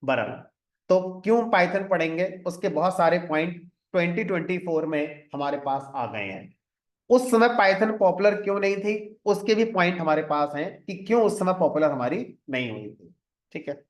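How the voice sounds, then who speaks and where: A man's voice: sits high, animated, moderate pace. A man teaching a programming class step by step, mixing English terms into his Hindi and often checking in with the students. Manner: explains step by step, often adds "ठीक है" to check in. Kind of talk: classroom lecture. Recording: echoey room.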